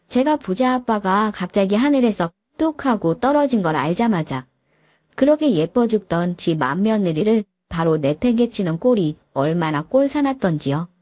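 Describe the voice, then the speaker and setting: A woman narrating a dramatic first-person story in an indignant, sharp-tongued manner. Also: lowish voice, no echo, studio quality.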